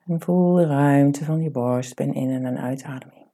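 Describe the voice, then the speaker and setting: A woman leading a guided meditation in a soft, breathy voice, giving calm, soothing instructions with unhurried pauses. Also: very deep voice.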